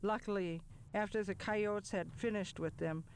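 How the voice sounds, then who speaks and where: A man's voice: sits high, steady tone, moderate pace, a little hiss or hum. An actor playing a very old man, a grave and reproachful figure in a computer game. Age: older. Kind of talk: scripted game character dialogue.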